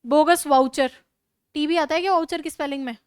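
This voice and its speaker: A woman teacher with a Rajasthani Hindi accent, giving a classroom lecture in a brisk, scolding way and urging students to write fast. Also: sits high, fairly even intonation, no room sound.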